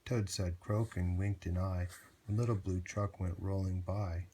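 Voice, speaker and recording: Slow-paced man reading a children's storybook. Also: low voice, little pitch movement, mellow, slight background noise. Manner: measured, rhyming read-aloud with short asides to a child. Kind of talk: read-aloud children's storybook narration.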